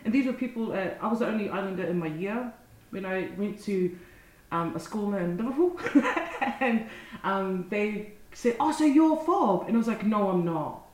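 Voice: mid-range voice, normal speed, roomy sound, low-quality recording. Laughing young New co-host. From New Zealand. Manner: laughs often, animated storytelling. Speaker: podcast co-host. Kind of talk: casual chat.

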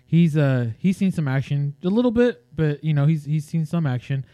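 A man with a Californian accent co-hosting a sports podcast, talking casually with hesitant, halting delivery. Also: fairly high pitch, expressive, mellow, no echo. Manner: hesitant, many fillers and restarts.

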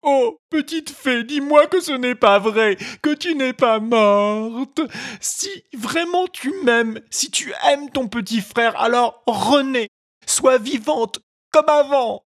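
A woman's voice: measured pace, dry recording, studio quality. A woman voicing Pinocchio, a wailing puppet boy. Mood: grief-stricken. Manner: high, sobbing, pleading cries. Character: young boy wooden puppet, emotional and impulsive.

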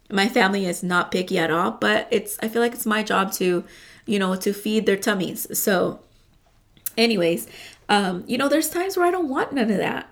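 A woman's voice: medium pitch, creaky. A woman hosting a casual motivational talk, rambling with lots of fillers and frequent swearing, often calling her listeners "you guys".

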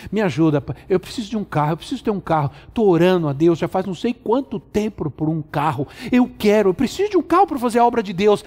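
A man voicing an eager young male pastor who pleads quickly for help. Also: high voice, big pitch swings, a little mellow, pitched above the performer's own voice. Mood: pleading. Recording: long hall reverb.

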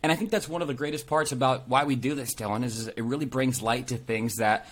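A man's voice: medium pitch, fairly even intonation, fast. A man co-hosting a casual podcast, talking earnestly and rambling, often restarting his phrases. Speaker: podcast co-host.

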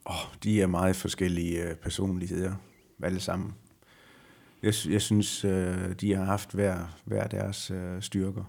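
A middle-aged man speaks in a deep, gravelly voice with a husky edge, recalling his racing years in a halting, reflective way. His pitch stays low and level throughout the conversation. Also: level tone, darkish tone. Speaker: retired rally driver as guest. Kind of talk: conversational interview.

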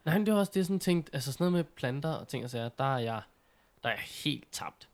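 A man in casual conversation, telling things in an informal, animated way with mild slang. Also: mid-range voice. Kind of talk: casual chat.

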